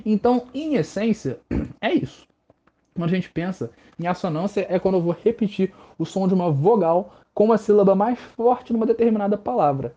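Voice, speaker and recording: A man's voice: high voice, dull audio. Laid-back Brazilian man teaching literature. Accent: Brazilian Portuguese. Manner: relaxed, slangy and joking, teasing himself. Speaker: literature teacher and podcast host. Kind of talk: casual podcast lesson.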